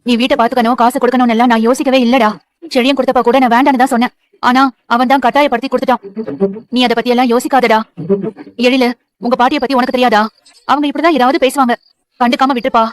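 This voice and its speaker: A woman's voice: high voice, level tone, rapid-fire, no room sound, natural voice. An actress playing a loving mother who reassures and encourages her grown son in a TV serial. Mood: tender. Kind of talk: TV serial acting.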